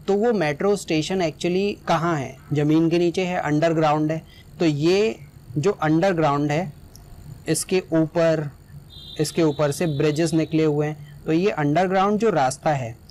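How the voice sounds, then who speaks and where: Guy teaching a class, kinda high voice, keeps asking "right?" to check you follow. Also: a little mellow. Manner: explanatory, often checks in with "right?". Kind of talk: explaining a lesson.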